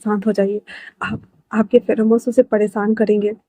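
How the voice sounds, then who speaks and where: A woman voicing a loyal male assistant who speaks softly and respectfully to his boss. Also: medium pitch, little pitch movement, moderate pace, no echo, natural voice. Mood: worried pleading. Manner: soft, respectful, hushed.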